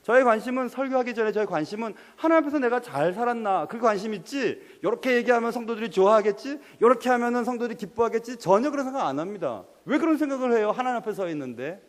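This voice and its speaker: A man's voice: extremely high pitch, animated, quick pace, few pauses. A young man preaching a sermon as pastor, quizzing his congregation and pressing them on their answers. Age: young adult. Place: church sanctuary. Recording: long hall reverb.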